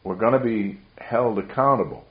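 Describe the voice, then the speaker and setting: A man with a lowish voice preaches a sermon at a moderate pace, earnest and rambling in true preacher fashion. He claims his voice carries far, and it does have a carrying quality. The recording sounds dull and roomy.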